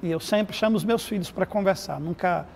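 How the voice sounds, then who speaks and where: High-voiced middle-aged pastor telling stories. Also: male voice, a little fast, creaky. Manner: animated anecdote-teller with quoted dialogue. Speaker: pastor and therapist guest. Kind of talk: lively storytelling in a TV interview. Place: TV studio. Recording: reverberant studio with faint noise.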